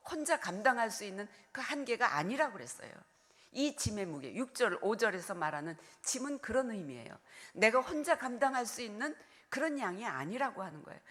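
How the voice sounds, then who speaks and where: A retired older woman pastor preaching a sermon, earnestly urging her congregation to share the burden with her. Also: mid-range voice. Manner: earnest pleading, direct address to congregation.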